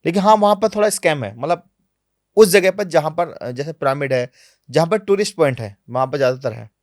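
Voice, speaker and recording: Guy on a podcast telling travel stories, voice a bit high, really dry close sound. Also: brisk, no echo. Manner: animated storytelling, drops to low quiet asides. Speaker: travel vlogger guest. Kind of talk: casual podcast interview. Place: podcast studio.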